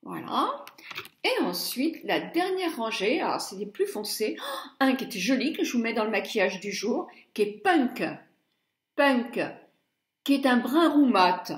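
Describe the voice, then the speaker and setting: A middle-aged woman reviews eyeshadows in a slow, chatty way, murmuring asides to herself. Her voice sits a little high, and the room around her echoes noticeably. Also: big pitch swings. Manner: chatty, muttering asides, stumbles over English names. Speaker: beauty blogger. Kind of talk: casual makeup palette review.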